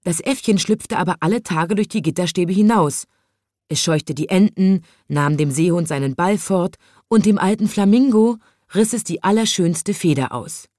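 A woman narrating a children's storybook in an even, measured reading voice. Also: on the low side, no echo, clean studio sound.

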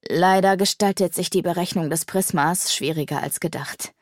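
A measured male sage reasons calmly, as a woman reads him. His voice sits lowish, in a dry, close recording. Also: dry recording, close to an everyday voice.

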